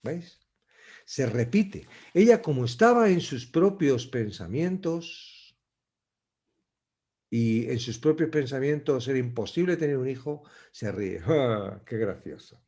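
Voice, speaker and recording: A man teaching a Bible study in a conversational, reflective way, often pausing and restarting as he searches for words. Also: mid-range voice, lively intonation, darkish tone.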